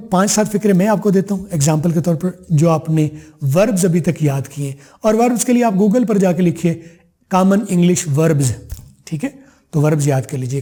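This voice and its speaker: A man teaching a spoken English lesson, drawing out example phrases slowly between brisk explanations. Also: high voice, dark tone.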